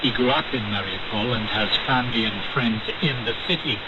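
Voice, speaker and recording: A man's voice: mid-range voice, highs cut off. Male news presenter over hissy shortwave radio. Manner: measured, formal delivery. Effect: heard over an AM shortwave radio receiver. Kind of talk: live news broadcast presenting.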